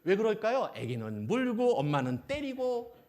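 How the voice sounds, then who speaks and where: Lively guy preaching, keeps asking the crowd questions, voice jumps around a lot. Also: sits high, moderate pace. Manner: animated, acts out little scenes, asks the audience questions. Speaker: pastor. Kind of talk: lively sermon.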